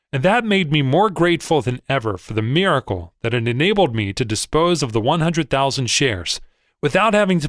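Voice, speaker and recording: A male narrator tells a first-person story in a measured, expressive way. His pitch rises and falls freely over a mid-range voice, and the close-miked recording is dry. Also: no room sound. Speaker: audiobook narrator. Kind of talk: scripted narration.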